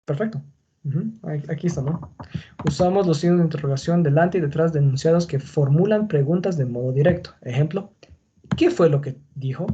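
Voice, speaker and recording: A man's voice: a little high, fairly quick, dull audio, noisy background. A man teaching a class on punctuation, explaining patiently and checking in with his students. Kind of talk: online class on Spanish punctuation.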